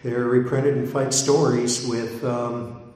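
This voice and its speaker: A man's voice: mid-range voice, little pitch movement, slow, darkish tone. Man rambling in an echoey hall. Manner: rambling and digressive, with many hesitations. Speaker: pulp fiction collector and reprint editor. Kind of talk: informal talk to an audience. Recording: echoey hall with long reverb.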